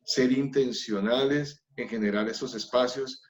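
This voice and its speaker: A man's voice: mid-range voice, steady tone, unhurried, muffled recording. A man from Colombia, a pastor, speaking earnestly about family in a church workshop talk, with light laughs.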